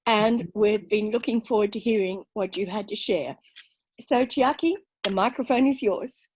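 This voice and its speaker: A woman's voice: mid-range voice, normal speed, darkish tone, husky, no echo, poor audio. A woman hosting an online club meeting over video call, cheerful as she introduces and coaxes the guests. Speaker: meeting host.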